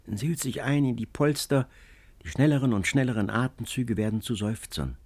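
A man's voice: mid-range voice, normal speed, a little mellow, lightly acted. A man voicing a scheming, cackling old woman servant in an audiobook, telling her tale breathlessly and dramatically. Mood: wheedling. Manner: breathless, wheedling, dramatic storytelling. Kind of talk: audiobook character reading.

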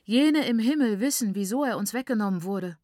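A woman's voice: fairly high pitch, expressive, brisk, a little mellow, no echo, pitched above the performer's own voice, close to an everyday voice. Grieving father, strained and lamenting, voiced by a woman narrator; dry studio read. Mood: sorrowful. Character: grieving father, distraught middle-aged man.

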